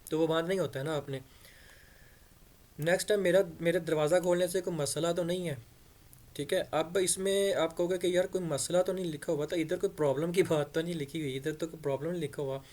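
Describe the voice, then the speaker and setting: Guy teaching english slow and patient, repeats stuff, spells words out, voice a bit high. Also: fairly even intonation, darkish tone. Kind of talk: explaining English in Hindi-Urdu.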